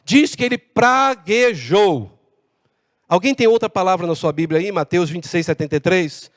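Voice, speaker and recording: Brazilian male pastor, animated sermon, close dry voice with reverb tail of a large church. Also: high-pitched, normal speed. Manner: animated preaching with acted-out dialogue. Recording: long hall reverb.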